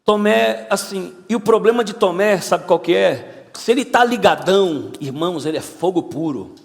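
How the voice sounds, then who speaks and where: A male pastor preaching an animated sermon, repeating words and swinging up to shouts. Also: high voice, normal speed, vocal fry. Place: church auditorium. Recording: church hall reverb.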